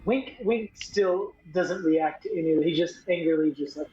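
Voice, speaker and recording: A man's voice: fairly high pitch, moderate pace, warm tone, soft background music. A man playing in a tabletop game, blunt and eager to act. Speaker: player. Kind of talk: casual tabletop role-play. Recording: dull lo-fi mic with faint noise.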